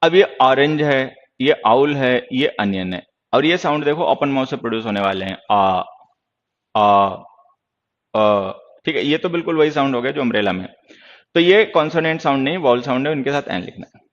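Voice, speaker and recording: A man's voice: medium pitch, animated, quick pace, highs cut off. A man teaching English grammar in Hindi during an online class, lecturing sternly and answering viewers' questions.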